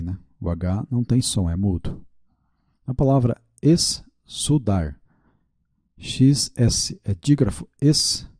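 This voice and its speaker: Low, dark-voiced Brazilian teacher thinking aloud. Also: male voice, breathy edge, dry recording, studio quality. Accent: Brazilian Portuguese. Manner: thinks aloud, checks answers, admits mistakes with "né?". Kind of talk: video lesson, working through quiz questions aloud.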